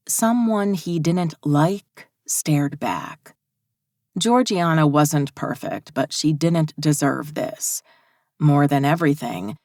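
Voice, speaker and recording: A woman narrating a romance audiobook in an even, measured reading. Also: low-pitched, dry recording, studio quality. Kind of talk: scripted narration.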